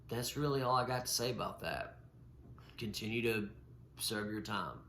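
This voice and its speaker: This podcast co-host stutters, frequently repeating sounds and cutting them off as he talks casually. He has a low voice that comes across pushed and bright, and the recording has a roomy echo and faint noise.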